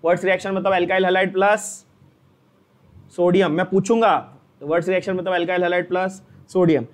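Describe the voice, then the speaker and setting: A man with a fairly high voice teaches an exam-prep chemistry lesson. He keeps the class on its toes, asking the same question twice and pushing students to answer out loud. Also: measured pace. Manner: drills students with repeated questions; energetic, coaxing.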